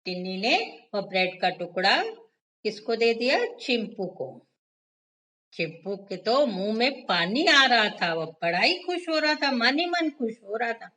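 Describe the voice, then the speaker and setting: Slow bright woman telling a children's story. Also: fairly high pitch, sing-song.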